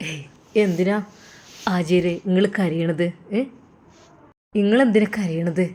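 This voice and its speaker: A composed young man, voiced by a woman narrator, speaks. He is forgiving and self-assured, reassuring the listener in an even, steady tone. This is a spoken storybook scene. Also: lowish voice, slow pace, voice pushed down. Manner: calm, reassuring.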